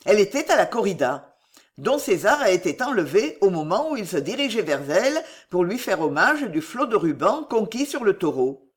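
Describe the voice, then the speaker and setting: A woman's voice: mid-range voice, sing-song, moderate pace, close to an everyday voice. A woman reading the part of a passionate, jealous young woman in an audiobook, in an emotional, pleading manner. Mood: earnest.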